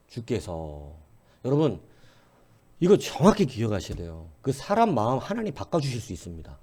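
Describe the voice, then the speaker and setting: Lively, mellow-voiced male pastor. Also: medium pitch. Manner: conversational, asks the congregation questions, acts out quoted voices. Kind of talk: church history lecture sermon.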